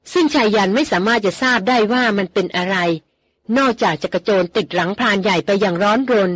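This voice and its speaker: A woman narrating a novel in an even, measured reading. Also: mid-range voice, slightly rough, dry recording. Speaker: audiobook narrator.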